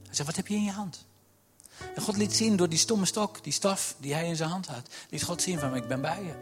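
Man, sermon, fairly high voice, animated delivery, faint background music. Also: brisk. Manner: animated, swings from hushed to loud, acts out voices of God and Moses. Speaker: preacher.

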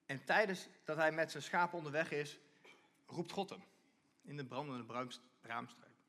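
Male preacher, somewhat high voice, animated sermon delivery with restarts. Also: moderate pace. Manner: animated, repeats and restarts, reads scripture aloud.

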